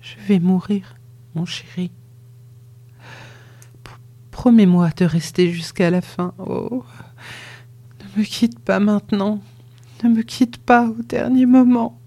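An audiobook reader voicing a dying young woman who pleads weakly, breathy and halting, short of breath. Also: mid-range voice, steady tone, dark tone, pitched above the performer's own voice. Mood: pleading. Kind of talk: audiobook reading.

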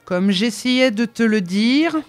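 A stout old blacksmith teacher, voiced by a woman narrator, calm and firm as he instructs. His lines come slow and measured, with lively pitch movement. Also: no echo, faint music behind. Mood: calm instructive. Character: stout, patient old male blacksmith mentor.

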